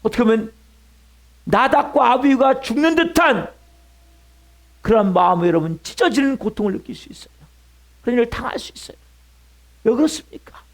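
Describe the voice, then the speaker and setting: Middle-aged male pastor, high voice, wide swings in pitch, emphatic sermon delivery that drops to hushed lines. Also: expressive, fairly quick, pauses often. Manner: emphatic preaching with rhetorical questions, sudden drops to a hush.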